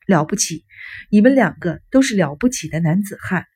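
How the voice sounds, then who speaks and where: A tearful young woman pours out her feelings in a choked, tender plea, voiced by a woman reading an audiobook. The voice is mellow and warm with a husky grain. It is a storybook reading, gentle and close. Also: medium pitch, lively intonation, moderate pace. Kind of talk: audiobook narration.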